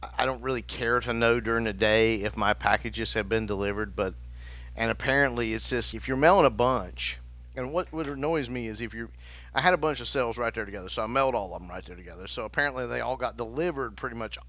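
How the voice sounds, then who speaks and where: A man's voice: mid-range voice, fairly bright tone, no room sound, poor audio. A man co-hosting a reselling podcast, chatty and teasing in casual conversation. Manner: chatty, teasing, quick to laugh. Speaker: podcast co-host. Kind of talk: casual chat.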